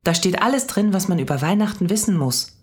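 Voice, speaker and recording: A woman's voice: lowish voice, lively intonation, brisk, slightly rough, pitched above the performer's own voice. A woman voicing a curious, stubborn little girl in a storybook reading, speaking earnestly and asking question after question.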